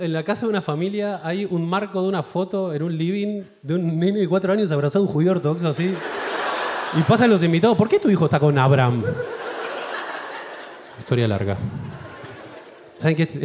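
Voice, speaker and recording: Argentine guy doing stand-up in a big theater, highish voice, acts out the voices, faint hiss behind. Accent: Argentine Spanish. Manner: animated storytelling with acted-out voices. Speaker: stand-up comedian. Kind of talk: stand-up comedy set. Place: large theater with live audience.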